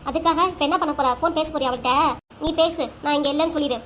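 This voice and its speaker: A woman's voice: sits high, steady tone, rapid-fire, a bit bright, slight background noise. A woman voicing an emotional, argumentative family quarrel in a cartoon. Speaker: voice actor for all the figures. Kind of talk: cartoon voice acting.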